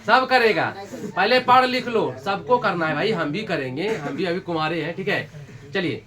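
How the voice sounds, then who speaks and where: High-voiced teacher drilling a class. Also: male voice, moderate pace, crowd noise. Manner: repetitive, drills students with questions; scolding and joking with students. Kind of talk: classroom lecture.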